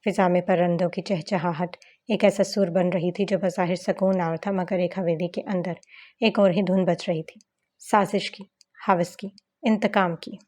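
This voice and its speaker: A woman's voice: on the low side, steady tone, measured pace, darkish tone. A woman narrating a romance audiobook novel in a flowing, dramatic reading style with occasional stumbles.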